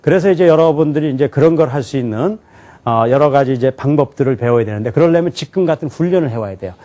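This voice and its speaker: A man's voice: fairly high pitch, expressive, dark tone. Korean man lecturing, quizzing his class. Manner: asks questions then answers them himself; demonstrates pronunciation slowly and syllable by syllable. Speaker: teacher. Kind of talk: televised lecture.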